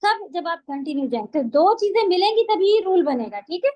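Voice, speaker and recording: Brief: female recitation teacher, high voice, dry close sound, drawn-out model sounds. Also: sing-song, no room sound, muffled recording. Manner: explains slowly, often drawing out model sounds. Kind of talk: online class lecture.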